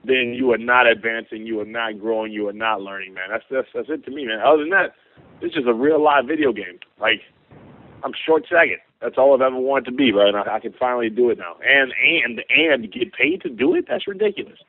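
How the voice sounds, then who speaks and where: A man of average pitch chats casually as a fighter being interviewed. He rambles in a colloquial way. The voice comes through a narrow telephone connection with no room sound. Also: fairly quick, dry recording. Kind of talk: casual conference call interview. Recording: tinny dry phone line.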